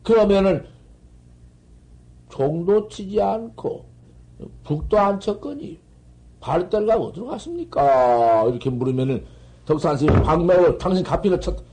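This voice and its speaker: Older man, Zen master, dharma lecture, high lively voice, scolding outbursts and murmurs, old tape recording. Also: moderate pace, pauses often, low-quality recording. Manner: animated, scolding, swings from loud outbursts to murmurs. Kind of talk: Buddhist dharma lecture on koans.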